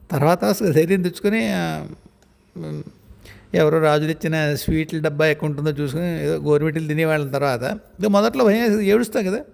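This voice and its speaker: A man's voice: fairly high pitch, gravelly, a little mellow. A man telling personal stories as a spiritual practitioner, in a conversational, reflective way, speaking directly to his listeners. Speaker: spiritual practitioner sharing experiences. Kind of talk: storytelling memoir talk. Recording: long reverberant room echo.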